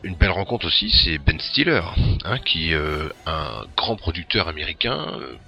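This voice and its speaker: A man's voice: sits low, very animated, moderate pace, vocal fry, bright, forceful tone, faint music behind. A man hosting a casual talk about a film, hesitant and full of fillers. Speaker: host presenting a film. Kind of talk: casual chat.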